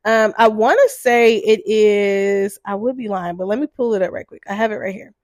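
A woman's voice: mid-range voice, normal speed, a little mellow, no echo. A woman in her thirties hosting a casual solo podcast, chatty and full of "like", with a stuffy, congested nose. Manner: chatty, says "like" a lot. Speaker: podcast host.

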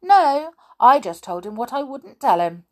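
A big naughty doll, bossy and smug, teases the other toys in a high voice that swoops up and down, as a woman storyteller puts her on. She talks grandly and slowly, like a spoiled storybook girl. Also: very animated. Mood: smug teasing.

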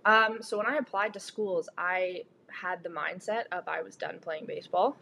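A woman's voice: on the low side, normal speed, vocal fry, sharp tone, a little hiss or hum. A young woman with a Canadian accent, a student athlete answering interview questions casually as a guest. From Ontario, Canada. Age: young adult.

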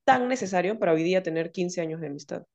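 This woman talks fast with vocal fry, her voice on the low side. A therapist, she explains ideas in a casual podcast conversation, frequently voicing quoted dialogue in a lively, acted-out way.

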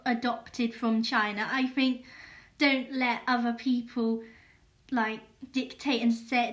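A young-sounding woman with a slightly high voice hosts her own podcast. She talks candidly and hesitantly, full of "like" and restarts, reflecting aloud. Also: fairly bright tone. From England. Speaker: podcast host. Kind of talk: personal podcast monologue.

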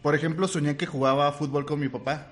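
A young man with a Mexican accent trades stories in casual podcast chat. His voice sits a little high, and he speaks in an easy, unhurried way full of slang. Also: faint music behind. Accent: Mexican Spanish. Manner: relaxed storytelling, slangy. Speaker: podcast co-host.

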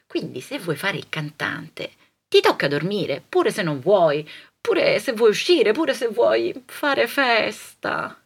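A woman soprano delivering a comic monologue in a theatrical, ironic way. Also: breathy edge. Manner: theatrical, ironic, lively swings in pitch and loudness.

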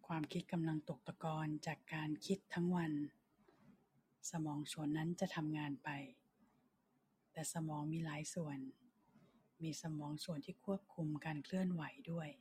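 Female meditation guide, low and very breathy, soft near-whisper, soothing, unhurried phrasing for sleep relaxation. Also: flat delivery. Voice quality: soft, breathy voice that often slips toward a whisper. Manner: soothing, unhurried, short phrases with long pauses. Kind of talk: slow guided body-scan meditation for sleep.

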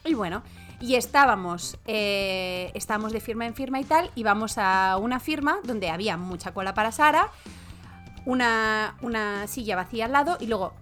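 A woman co-hosting a chat show, telling a story in a relaxed, casual way and acting out the voices of the people in it. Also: on the high side, normal speed, faint music behind. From Barcelona. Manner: animated anecdote-telling, acts out quoted voices. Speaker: podcast co-host, translator.

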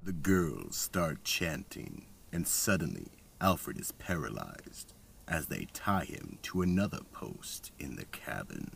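A man hosting and narrating scripted horror as a theatrical, sinister horror host, with a gravelly, husky voice and drawn-out delivery. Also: extremely low pitch, very animated, a bit bright, a little hiss or hum. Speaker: host and narrator of a horror audio drama series.

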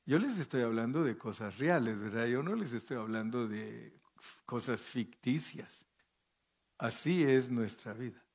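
A male pastor delivers a sermon at a slow, deliberate pace, his voice sitting at an ordinary middle pitch. He reads Bible passages aloud, stops to explain them, and keeps turning to his congregation with quick questions to make sure they follow. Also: lively intonation, slightly rough. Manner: checks in with listeners by asking "¿sí?" and "¿verdad?"; reads scripture aloud and comments between verses.

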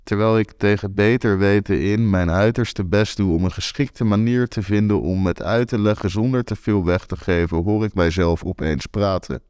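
A young man telling a first-person story in a wry, deadpan way. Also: lowish voice, moderate pace, hardly any pauses, clean tone, no echo, studio quality. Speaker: author and narrator.

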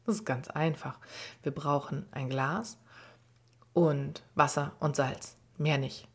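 A woman voicing a confident, slightly bossy child in a children's story, with a low, husky tone. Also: fairly even intonation, takes it slowly, heavily acted. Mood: matter-of-fact. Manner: firm, reassuring, a little bossy.

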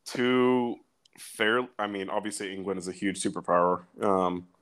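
A man's voice: low-pitched, moderate pace, a bit bright. A young man co-hosting a casual podcast, reading war facts aloud with loose, profane asides. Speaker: podcast co-host. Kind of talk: casual chat.

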